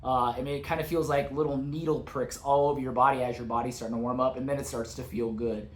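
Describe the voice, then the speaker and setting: A man's voice: mid-range voice, steady tone, fast talker, roomy sound. A man casually explaining his home cold plunge routine, rambling with lots of "like" and "uh" fillers. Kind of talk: casual how-to talk. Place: outdoors or patio beside a cold plunge tub.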